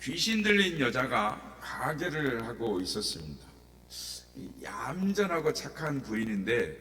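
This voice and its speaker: A man's voice: medium pitch, a bit bright. Male pastor, sermon, dramatic storytelling, echoey hall, distant mic, faint hum. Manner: dramatic storytelling, acting out voices. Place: church sanctuary.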